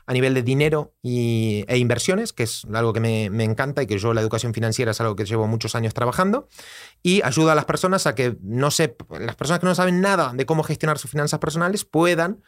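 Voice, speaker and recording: A man in his thirties speaking with an Argentine accent, relaxed and reflective as he tells his story in an interview. His voice sits at an ordinary middle pitch, and he often circles back and restarts his sentences. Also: fast. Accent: Argentine Spanish. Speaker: guest, personal development teacher. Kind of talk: casual conversational interview.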